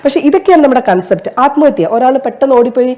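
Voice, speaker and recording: High-voiced woman talking earnestly. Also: expressive, rapid-fire, dark tone. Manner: earnest, explains at length with fillers and restarts. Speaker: guest, stage and television actress. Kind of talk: casual interview chat.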